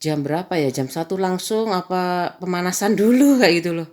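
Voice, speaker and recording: A woman's voice: fairly low pitch, normal speed, darkish tone. A woman, chatting casually in a daily home vlog and telling stories. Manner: chatty storytelling, frequent "kayak gitu" and laughter. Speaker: vlogger.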